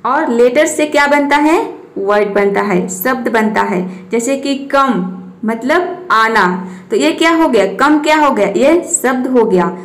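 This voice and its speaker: With a fairly high pitch, a woman runs a spoken English lesson, answering the very questions she puts to her students. When an example word comes up, she slows and spells it out.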